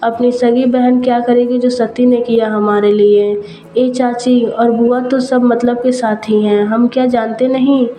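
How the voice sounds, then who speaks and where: A woman's voice: a little high, level tone, measured pace, warm tone, natural voice. A woman reading as a meek hunchbacked village wife. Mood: earnest. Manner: rustic dialect speech. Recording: roomy with faint music.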